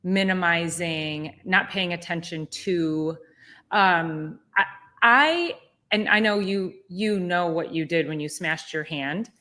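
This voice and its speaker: A woman's voice: lowish voice, slow, bright, forceful tone. A woman co-host chatting casually, rambling through a personal anecdote. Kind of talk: casual chat.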